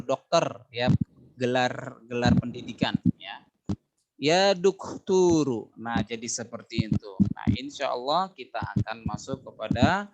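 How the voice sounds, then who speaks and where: A man's voice: medium pitch, noisy background. A man with an Indonesian accent teaching an Arabic class online, patiently drilling words and stretching out each example.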